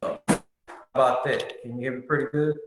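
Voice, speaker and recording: A man joins as a guest over a buzzy, glitchy call connection that keeps breaking up and sounds hugely echoey. He talks casually and haltingly, stopping often on "uh" and "you know". His pitch sits in a middle range for a man. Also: fairly even intonation. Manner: hesitant, full of "uh" and "you know". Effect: buzzy glitchy call audio that breaks up. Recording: very echoey remote call line.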